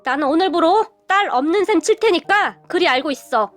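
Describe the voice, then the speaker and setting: A woman's voice: very high-pitched, expressive, fairly quick, a bit bright, soft background music. Woman reading a stern old father-in-law. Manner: stern, commanding. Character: stern elderly father-in-law, slow to anger but fearsome.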